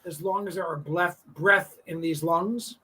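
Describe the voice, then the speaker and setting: Man, fifties, talk show host, effusive, heartfelt, bright voice, heard from a distance. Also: on the high side, unhurried, husky. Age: 50s. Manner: effusive, heartfelt, repeats himself. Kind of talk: emotional casual chat.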